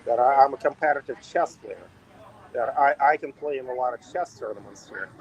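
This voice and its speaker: A man's voice: medium pitch, a little fast, low-quality recording. A middle-aged man from Russia hosting a casual chat outdoors, talking emphatically in repeated lists. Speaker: host.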